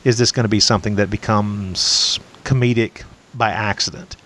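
A man co-hosting a casual film podcast, talking in a measured, analytical way. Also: lowish voice, fairly even intonation, fairly bright tone. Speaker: podcast co-host.

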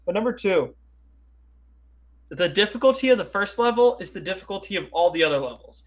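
A teenage boy co-hosting a casual podcast, blunt and quick to argue as he reviews a mobile game. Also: high voice, animated. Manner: blunt, argumentative. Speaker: podcast co-host. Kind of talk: casual chat.

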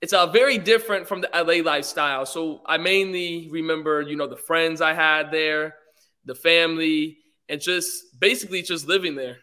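In a relaxed podcast interview, a young adult man from England answers politely, peppering his speech with fillers. His voice sits on the high side and is bright, clear, and resonant, with a forceful tone at a normal speed.

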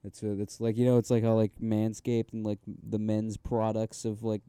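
Guy w a dark mellow voice riffing on a podcast, swears a lot, dry close sound. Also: lowish voice, monotone, moderate pace, clear, resonant tone, no room sound. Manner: profane, riffing. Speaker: podcast co-host. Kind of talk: casual comedic chat.

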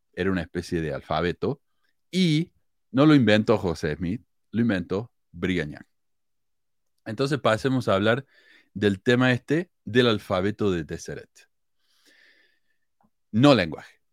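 Man, Argentine Córdoba accent, podcast host, lowish voice, very animated pitch, casual and blunt. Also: no echo, studio quality. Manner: lively, chatty, blunt with mild swearing. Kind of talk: casual explanatory podcast talk.

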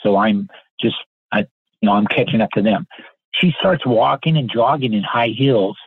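A husky, lowish-voiced man in his sixties speaks at a moderate pace as a podcast guest, sharing anecdotes in a casual, earnest, polite way and often restarting his sentences. The recording is dry, coming through a tinny, phone-like line.

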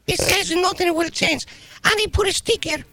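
A man doing a shrill complaining model wife. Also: moderate pace, sharp tone, dry recording, heavily acted. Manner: complaining, broken grammar, mock-serious. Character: high-voiced woman, a famous model's impression, angry wife.

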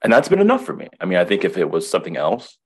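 A man's voice: sits low, wildly swooping pitch, very fast. A man talking as a counselor in a casual webinar conversation, thoughtful and full of restarts. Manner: reflective, many restarts and repetitions. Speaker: counselor and guest.

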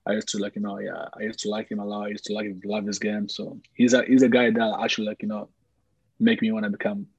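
A young man with a Congolese accent talks in a casual, looping interview style. His voice sits low and has a husky grain. The recording is slightly dull and has a clear room echo. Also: completely flat delivery, fast talker, a little mellow. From Congo (DRC), later Malawi. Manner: conversational, repetitive, peppered with "like" and "you know". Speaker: soccer player being interviewed.

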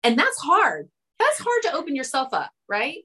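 Brief: New woman, podcast guest, chatty and agreeable, fairly high voice. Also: wildly swooping pitch, bright, forceful tone. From New Jersey. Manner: chatty, quick to agree, self-correcting. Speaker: podcast guest, hair educator. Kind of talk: casual podcast chat.

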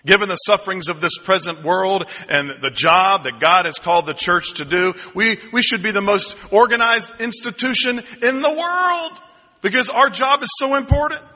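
A man's voice: high voice, normal speed, pushed and bright. A man, a senior pastor, preaching a sermon in a conversational, humorous way and prompting his congregation. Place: church sanctuary. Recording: long reverb of a church hall.

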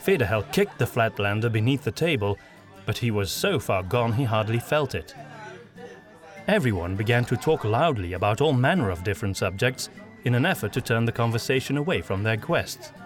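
A man reading a fantasy audiobook in a measured storytelling manner. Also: mid-range voice, lively intonation, soft background music. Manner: measured storytelling, doing all the voices. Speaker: narrator. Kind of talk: scripted audiobook narration.

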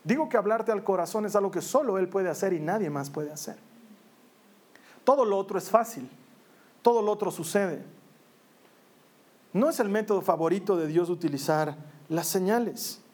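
Jokey priest preaching. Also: male voice, high-pitched, expressive, moderate pace, long pauses, darkish tone. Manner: conversational, humorous storytelling. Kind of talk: sermon.

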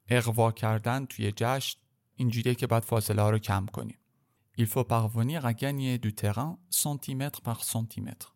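A man reading a French novel aloud line by line, pronouncing each French sentence slowly and carefully and then translating it quickly in colloquial Persian. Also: lowish voice, vocal fry, a little mellow. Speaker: language teacher.

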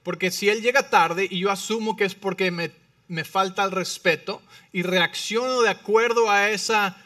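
A male pastor preaching a sermon, animated, swinging between loud emphatic phrases and quiet low ones, often checking in with the listeners. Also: normal speed, recorded from a distance. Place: church.

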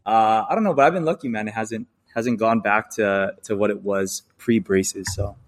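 A man's voice: on the low side, moderate pace. A man who owns a gym, talking as a guest on a podcast in easygoing casual chat.

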